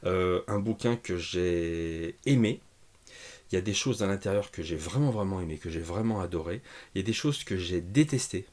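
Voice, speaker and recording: A man's voice: low voice, normal speed, a little mellow. A man hosting a casual comics review video, joking about himself with frequent fillers and asides. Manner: jokey, self-mocking, lots of fillers and asides. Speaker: comics reviewer, channel host. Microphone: camera mic in small home studio.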